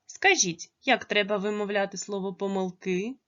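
A woman's voice: medium pitch, expressive. Careful-spoken woman teacher, slightly dull recording. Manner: slow, careful pronunciation when modelling words. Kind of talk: primary school lesson.

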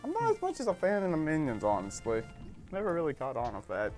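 Gaming show host, casual play-along banter, giggly, very lively pitch. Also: fast talker, soft background music. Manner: giggly, quotes cartoon lines in put-on voices.

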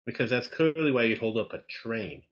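A man with an average pitch trades dry, sarcastic remarks during a casual film review chat. His voice comes through a video call with slightly muffled sound. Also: lively intonation, a little fast. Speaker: podcast co-host reviewing films.

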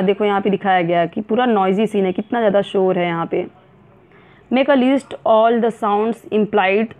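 A woman teacher explaining a science textbook lesson, reading English lines slowly and then explaining them in Hindi with frequent fillers. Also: mid-range voice, darkish tone. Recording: phone-like narrow sound.

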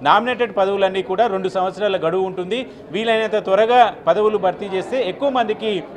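A man in his thirties giving a live news report outdoors into a handheld mic, steady, with filler sounds between phrases. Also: high-pitched, a little fast. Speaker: field reporter. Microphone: handheld channel mic.

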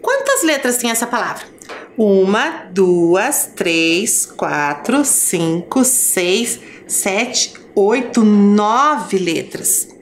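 A woman with a Brazilian accent teaching a children's lesson, counting and spelling out syllables slowly for young pupils. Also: mid-range voice, expressive, a little hiss or hum. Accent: Brazilian Portuguese. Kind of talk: children's lesson on a school TV channel.

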